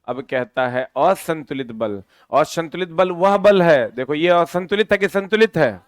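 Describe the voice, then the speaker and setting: A man teaches a physics class, lively and forever firing questions back at his students. His voice sits high and smooth. The sound is dry and close, with no room in it. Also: unhurried, dry recording.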